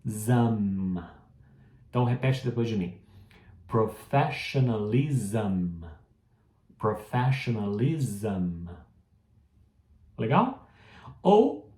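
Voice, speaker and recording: A man's voice: mid-range voice, a little mellow. A man with a Brazilian Portuguese accent teaching English pronunciation, patiently modeling words and asking the listener to repeat after him. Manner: frequent checking tag questions. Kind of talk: online pronunciation lesson. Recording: roomy echo.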